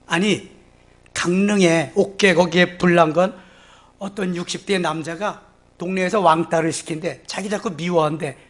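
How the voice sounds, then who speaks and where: A middle-aged man preaching a sermon as pastor, acting out little dialogues in a lowered voice and swinging between soft murmurs and excited bursts. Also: normal speed. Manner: animated, acts out dialogues with God in lowered voice.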